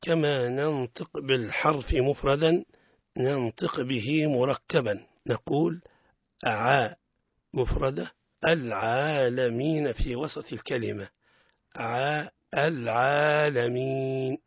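A man's voice: medium pitch, takes it slowly, vocal fry, breathy edge, no room sound. A man teaching the rules of Quran recitation on a radio lesson, pointing out mistakes and then modelling the correct pronunciation. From Tunisia. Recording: dull lo-fi radio sound.

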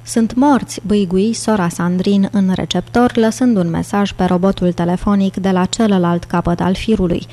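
A woman reading an audiobook with steady, even storytelling. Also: on the low side, hardly any pauses. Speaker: audiobook narrator. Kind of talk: scripted audiobook narration.

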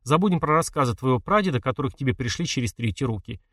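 A man's voice: medium pitch, lively intonation, rapid-fire, fairly bright tone, dry recording, clean studio sound, far from the mic. A man reading an audiobook, voicing a sarcastic young male hero who mocks and needles his friend. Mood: needling. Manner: mocking, needling.

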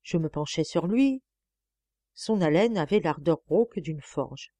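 Warm woman narrating a novel. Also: low voice, dry recording. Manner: measured, expressive first-person reading. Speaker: audiobook reader. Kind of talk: literary audiobook narration.

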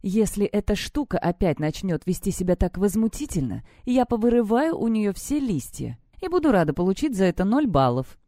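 A woman's voice: mid-range voice, big pitch swings, fairly quick, few pauses, dark tone, no room sound, clean studio sound, close to an everyday voice. A woman voicing a blunt, hot-tempered teenage schoolgirl who scolds and swears. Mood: brash. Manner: brash, scolding.

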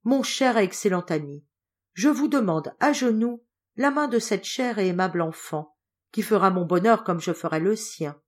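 A woman's voice: medium pitch, animated, normal speed, lightly acted. A woman reading an audiobook, voicing an earnest, devoted young man of twenty-eight who speaks with emotion. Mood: solemn.

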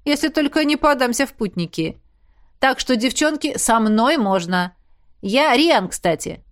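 A woman's voice: fairly high pitch, expressive, measured pace, voice pushed up. A woman doing a cocky flirting blond youth. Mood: flirty.

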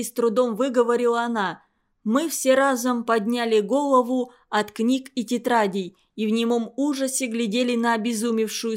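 A woman reading a story aloud. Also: fairly high pitch.

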